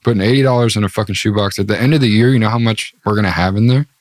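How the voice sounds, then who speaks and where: Low-voiced man, sweary casual podcast talk. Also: rapid-fire, no echo, clean studio sound. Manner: profane, slangy, laid-back. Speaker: podcast host. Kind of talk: casual chat.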